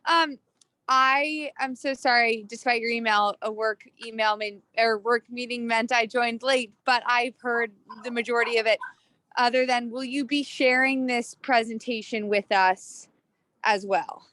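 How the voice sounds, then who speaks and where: A woman's voice: on the high side, fairly even intonation, unhurried, bright, forceful tone, no room sound. A woman volunteering as an usher, speaking in an apologetic, polite way.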